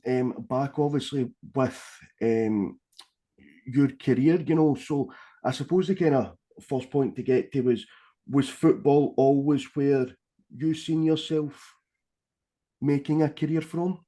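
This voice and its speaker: A man's voice: mid-range voice, takes it slowly, warm tone. A man hosting an interview show, introducing a guest and asking questions hesitantly with many fillers. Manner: hesitant, many ums and you-knows. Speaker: podcast host.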